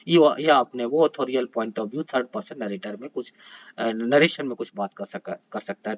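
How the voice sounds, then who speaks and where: A man teaching an exam-prep lecture, switching between Hindi and English, with many hesitations and self-corrections. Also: mid-range voice. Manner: mixes Hindi and English, frequent hesitations and restarts. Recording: dull lo-fi sound.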